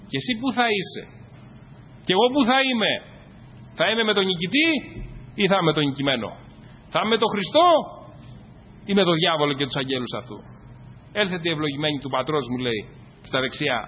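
A man preaching a sermon to his congregation, rising to loud exclamations and dropping to quiet asides. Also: high-pitched. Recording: dull, echoey hall with faint noise.

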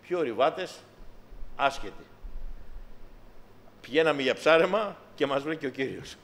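A middle-aged man preaching a fervent testimony sermon, calling his listeners brothers and sisters and building to loud, passionate preaching. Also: medium pitch. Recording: long hall reverb.

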